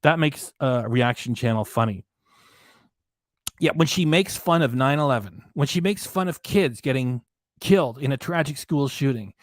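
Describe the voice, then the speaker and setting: His voice is mid-range and fading as he rants indignantly, repeating himself while he reads chat on his reaction livestream. The recording is dry and studio quality. His desk microphone sits hidden behind a graphic.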